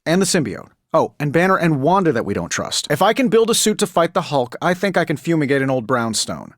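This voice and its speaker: A man's voice: on the high side, very animated, fairly quick, dry recording, clean studio sound. A man playing a wisecracking, cocky genius inventor superhero in a video game, talking in a glib, sarcastic, conversational way. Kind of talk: video game character voice lines.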